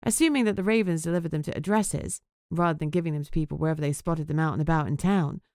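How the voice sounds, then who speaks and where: A woman's voice: low voice, fast talker, darkish tone, no echo, clean studio sound, close to an everyday voice. A woman narrating as a wry vampire journalist. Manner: sarcastic, self-mocking. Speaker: audiobook narrator. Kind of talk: first-person audiobook narration.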